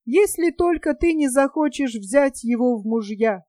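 Brief: a woman playing a rough, bawling beggar king, loud and raised in pitch. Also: lively intonation, a little slow, dry recording, clean studio sound. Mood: gruff. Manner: bawling, auctioneer-like.

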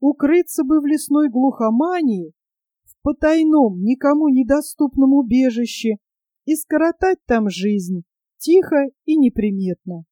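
A woman reading a storybook aloud in an expressive, measured way. Her voice is fairly high but mellow and dark, recorded close and dry. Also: no room sound. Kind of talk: storybook narration.

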